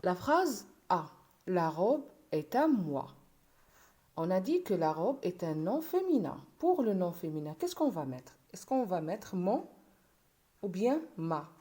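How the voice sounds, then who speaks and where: Woman teacher, from Morocco, slow syllable drills, mellow tone, animated pitch. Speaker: primary school teacher. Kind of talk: classroom video lesson.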